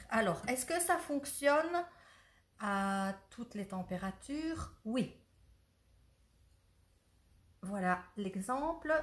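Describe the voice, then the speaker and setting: A woman who owns a ceramics shop, chatting eagerly through a casual product demonstration and sometimes losing her thread. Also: a little high. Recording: roomy echo.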